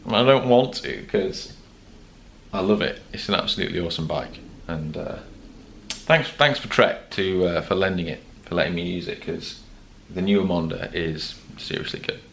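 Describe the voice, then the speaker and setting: A young man talks casually to camera as a vlog host, chatty and joking, with plenty of ums and uhs. His voice sits a little low. A faint hum of ambience stays under him. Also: normal speed, creaky, a bit bright. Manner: chatty and joking, with frequent fillers.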